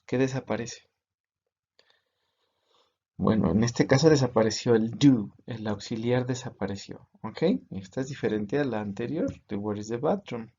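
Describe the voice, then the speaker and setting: A man's voice: mid-range voice, moderate pace, dark tone, breathy edge, lo-fi sound. A man teaching English grammar to students, patiently explaining in Spanish with English examples.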